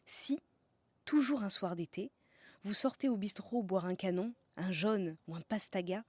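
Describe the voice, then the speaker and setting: A woman's voice: medium pitch, unhurried, no echo. A woman from the south of France, narrating a scripted podcast as host in a playful way, savouring slang words.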